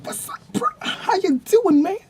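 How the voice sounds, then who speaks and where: A man mimicking a slangy young bro, pitched way up. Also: lively intonation. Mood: overfamiliar. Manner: exaggerated slang, drawn-out. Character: slangy young male classmate, overly casual.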